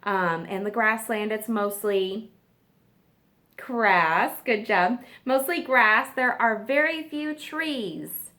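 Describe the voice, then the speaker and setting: A woman teacher, her voice fairly high and sharp in tone, reads nonfiction aloud to a group of children, leaning on key words and breaking off for simple questions and explanations.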